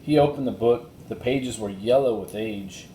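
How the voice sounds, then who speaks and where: In a scripted read-aloud of a children's chapter book, a male narrator speaks deliberately and with expression. There's a roomy echo plus faint noise and a low rumble.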